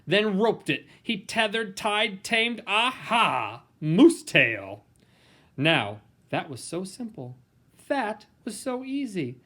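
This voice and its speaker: A theatrical man reads a children's picture book aloud with expressive flair, playful and dramatic in his emphasis and pauses. His voice is high-pitched and a bit bright.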